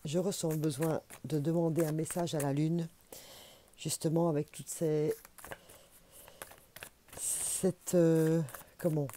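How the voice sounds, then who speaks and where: Belgian woman, low warm voice, chatty card reader who repeats herself to urge the viewer on. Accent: Belgian French. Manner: chatty, encouraging, repeats for emphasis. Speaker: intuitive oracle card reader. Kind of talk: casual spiritual card reading to camera.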